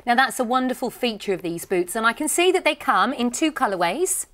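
British woman presenter with very lively intonation. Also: on the high side, a little fast. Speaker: shopping channel host. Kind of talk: scripted sales presentation. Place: TV studio lounge set.

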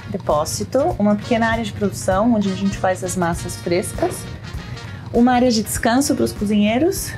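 A woman's voice: medium pitch, low-quality recording. Woman chef showing around a restaurant. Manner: relaxed, pointing things out as she walks. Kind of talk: casual guided tour. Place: restaurant kitchen and offices. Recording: audible kitchen background noise.

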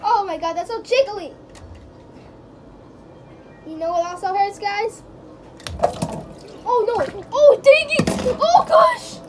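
Voice changer effect, very high squeaky pitch, slow talk, excitable gamer, noisy background. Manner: excitable, yelps and shouts at the game. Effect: pitch-shifting voice changer. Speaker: gaming video creator. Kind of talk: casual gameplay commentary.

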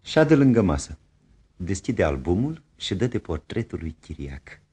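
Bărbat cu voce foarte gravă, răgușită. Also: male voice, low voice, big pitch swings, mellow, breathy edge. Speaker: narrator reading stage directions. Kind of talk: scripted narration. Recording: old radio theatre recording.

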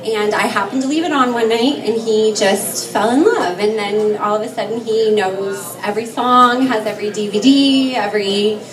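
A woman's voice: mid-range voice, moderate pace, few pauses. A woman guest on a bar stage telling her story into a handheld mic, with many "um" fillers. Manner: soft-spoken, with many "um" fillers and light laughs. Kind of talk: on-stage interview. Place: bar stage before a crowd. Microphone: handheld mic, far camera. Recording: echoey bar from far off, crowd noise. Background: crowd chatter.

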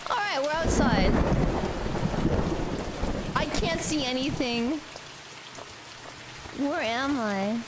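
Animated young woman streamer, high and lively. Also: slow, pauses often, very noisy. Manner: talks to chat, animated, giggly, mumbles "um" often. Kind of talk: casual gameplay commentary.

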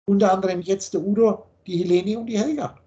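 A man's voice: high voice, fairly even intonation, fast, mellow, highs cut off. A man teaching in a video call, blunt and preachy, firing off rhetorical questions. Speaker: spiritual teacher.

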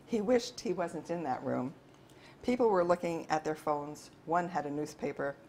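Reading her own novel aloud at a bookstore event, a female author keeps a measured, even pace. Her pitch runs lowish, with the room humming softly behind her.

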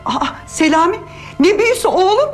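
A woman's voice: very high voice, lively intonation, normal speed, faint music behind. An actress playing an indignant middle-aged mother who protests and scolds. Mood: scolding.

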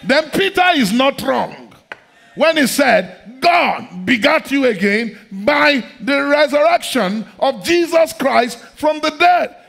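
A middle-aged man preaching a sermon in a large church hall, fervent and repetitive, often breaking into shouts. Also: extremely high pitch, lively intonation, slow pace, creaky.

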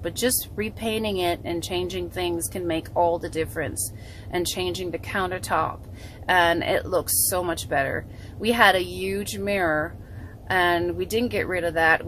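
A woman in her thirties records a casual vlog update from a parked car, phone held close to her face. Her voice sits somewhat low, and she chats along with frequent fillers and restarts. A faint hum of vehicle noise runs underneath. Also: a bit bright, poor audio. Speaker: vlogger. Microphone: phone camera held close.

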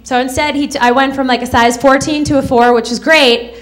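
A woman's voice: high voice, fairly even intonation, fairly quick. A woman in her thirties performing a stand-up set on a club stage into a handheld mic, with a sarcastic, snappy delivery. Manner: sarcastic, snappy delivery with mocking character voices. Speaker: stand-up comedian.

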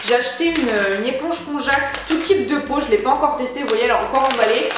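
A woman's voice: high-pitched, fast, heavy reverb, background noise. A young woman chatting casually through a beauty haul vlog, slangy and enthusiastic. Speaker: beauty vlogger.

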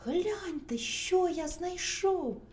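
A woman's voice: high-pitched, sing-song, slow pace, mellow, full character voice. A woman voicing a cheerful, hardworking male rooster in a children's audio story. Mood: cheerful calling. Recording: roomy recording, faint hum.

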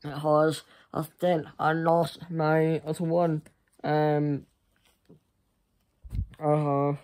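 A young man chatting casually to camera in a halting, rambling way that often trails off. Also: a little high, level tone, darkish tone, clean tone. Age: young adult. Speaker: vlogger. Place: small furnished room indoors. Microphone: phone at arm's length.

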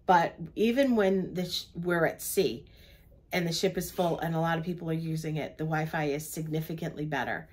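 A woman's voice: sits low, steady tone, moderate pace, a little mellow. An older woman on a cruise ship, chatting through the day's events in a travel vlog from her cabin. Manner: chatty, recounts the day step by step. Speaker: travel vlogger. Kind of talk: casual chat.

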